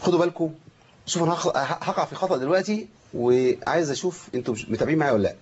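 Egyptian guy teaching quran recitation, kinda high voice, chants verses slow then quizzes students, dull lo-fi sound. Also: lively intonation, a little mellow, a little hiss or hum. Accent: Egyptian Arabic. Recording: dull lo-fi recording.

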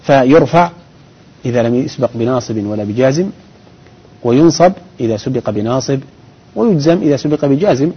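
A man teaching grammar on a call-in program, explaining patiently and methodically with pauses and restarts. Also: mid-range voice, expressive, breathy edge. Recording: dull broadcast audio.

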